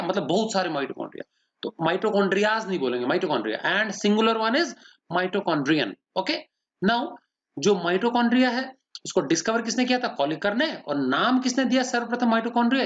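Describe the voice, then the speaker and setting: A man's voice: high-pitched, fairly bright tone. A male science teacher with an Indian English accent, lecturing students in a patient manner and often checking whether they have understood. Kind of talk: classroom lecture, mixing Hindi and English. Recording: dull lo-fi audio.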